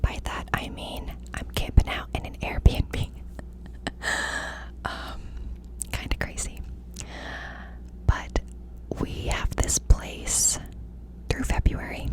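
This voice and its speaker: Woman in a breathy cupped ASMR whisper. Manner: intimate, confiding, repeats phrases slowly. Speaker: ASMR creator. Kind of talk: whispered ASMR life-update chat. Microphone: close mic with cupped whispering.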